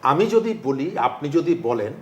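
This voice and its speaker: A male talk show guest making measured, pointed arguments in a political debate, using rhetorical questions. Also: a little high, very animated, reverberant, dull audio, slight background noise.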